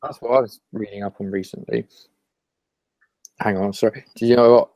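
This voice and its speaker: Low-voiced joking man, dry sound. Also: steady tone, moderate pace, darkish tone, no echo. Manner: jokey, laughs often, rambling restarts. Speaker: podcast co-host. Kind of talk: casual chat. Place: at home while eating.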